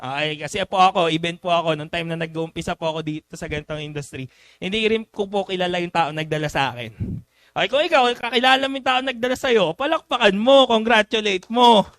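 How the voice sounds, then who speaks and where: A man's voice: sits high, fast talker, a bit bright, dry recording. A young man giving a joking motivational talk to a live seminar audience, teasing people with call-and-response questions. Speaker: business seminar speaker.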